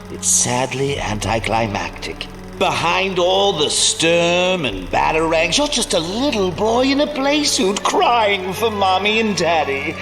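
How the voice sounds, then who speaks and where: A man playing a sadistic clown villain in an audio drama, with mocking, theatrical, drawn-out delivery. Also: sits high.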